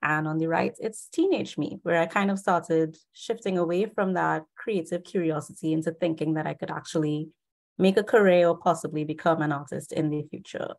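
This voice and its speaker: A young woman from Trinidad and Tobago, giving a friendly, steady online presentation about her art. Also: sits low, moderate pace, creaky. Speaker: artist presenter. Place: indoors, video call. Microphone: video call.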